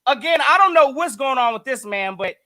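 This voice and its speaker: A man with a very high, bright, forceful voice co-hosts a casual sports talk show. He talks in an emphatic, hyped-up way. The recording is dry and close. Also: animated, brisk, dry recording. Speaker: podcast co-host.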